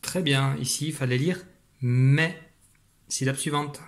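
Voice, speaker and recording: Patient man teaching reading to children. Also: mid-range voice. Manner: patient, encouraging, explains slowly. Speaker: primary school teacher. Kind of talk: remote reading lesson for young children. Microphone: computer at a desk.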